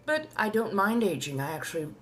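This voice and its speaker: A woman's voice: mid-range voice, big pitch swings, slight background noise, close to an everyday voice. A woman playing an ancient, genteel female vampire with a posh colonial accent, speaking formally and courteously as she chats live in character. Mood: genteel, stern. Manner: refined, formal, old-fashioned wording, drawn-out deliberate phrasing. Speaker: livestream host answering viewer questions. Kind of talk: in-character live question-and-answer chat.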